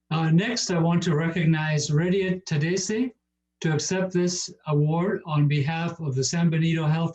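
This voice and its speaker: Man presenting awards, slightly high voice. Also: a little mellow. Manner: reads from script, improvises lightly. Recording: dull lo-fi audio.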